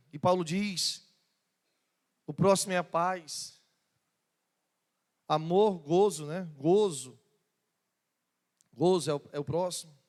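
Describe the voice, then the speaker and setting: High-voiced preaching man in reverberant church. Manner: impassioned preaching with rising emphasis and questions to the congregation. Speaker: pastor. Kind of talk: sermon. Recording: long reverb of a church hall.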